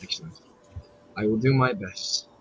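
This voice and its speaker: A man's voice: medium pitch, expressive, moderate pace, slight background noise, poor audio. A man playing a tabletop fantasy game, chatting casually in and out of character.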